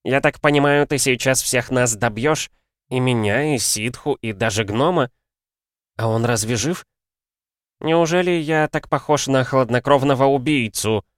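A man's voice: medium pitch, moderate pace, no echo, clean studio sound, voice pushed up, lightly acted. A man voicing a scheming male alchemist in an audiobook, talking in a sanctimonious, theatrical way.

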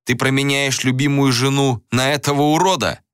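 A man's voice: mid-range voice, sing-song, moderate pace, sharp tone, no room sound, clean studio sound, pitched above the performer's own voice. A man doing a sneering whip-cracking bandit. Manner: sneering, threatening. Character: mocking greedy male bandit with a whip.

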